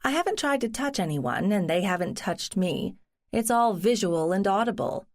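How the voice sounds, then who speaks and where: A woman's voice: medium pitch, lively intonation, moderate pace, natural voice. A woman, a cozy mystery narrator, voicing an earnest, wry, determined woman in conversational, explanatory audiobook dialogue.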